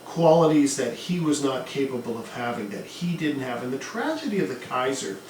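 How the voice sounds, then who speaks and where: Animated male lecturer in an echoey room. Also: medium pitch, normal speed. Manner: conversational and animated, with many restarts. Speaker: history lecturer. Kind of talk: classroom lecture. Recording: echoey room from a distance with faint noise.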